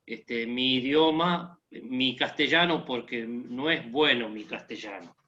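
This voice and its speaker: An Argentine man with an Argentine Spanish accent speaks as a guest in an online conversation, his mid-range voice slow and sharp-toned. He talks casually and jokes around, using lots of fillers, and the audio sounds dull.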